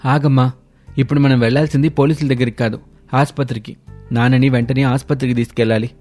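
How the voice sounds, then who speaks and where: A man's voice: mid-range voice, steady tone, fast, a little mellow, soft background music, close to an everyday voice. A man voicing a worried young husband, urgent and questioning.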